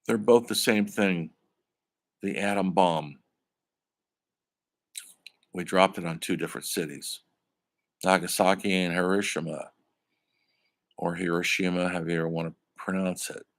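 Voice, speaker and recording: An older man teaches a college film class in a conversational lecture, calling his students "folks." His voice sits low with a steady tone, and he speaks unhurriedly with long pauses.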